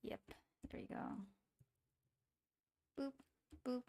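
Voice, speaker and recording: A woman's voice: slow pace, warm tone. A young woman with a non-native English accent, chatting in a rambling, giggly way with her chat as she draws on a livestream. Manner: rambling and giggly, talking to herself as she works. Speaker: streamer. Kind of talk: casual chat while drawing on a livestream.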